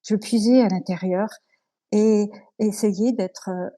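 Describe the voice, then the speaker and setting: A woman giving an earnest, emotional personal testimony as an interview guest, halting with many pauses and restarts. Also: mid-range voice, steady tone, warm tone.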